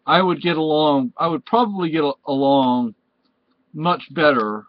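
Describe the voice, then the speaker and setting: A Spanish-born man with Spanish as his first language, chatting to the camera as a vlog host. His voice sits a little high, and he rambles and corrects himself as he goes. The sound is dry and close, and it comes through a dull, muffled home recording. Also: moderate pace, dry recording. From Spain. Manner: rambling, meandering and self-correcting. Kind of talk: casual rambling chat to camera.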